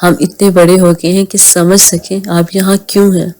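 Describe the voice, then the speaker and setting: A woman's voice: on the low side, flat delivery, darkish tone, lightly acted. A woman voicing a playful, teasing teenage daughter in a read-aloud audio novel.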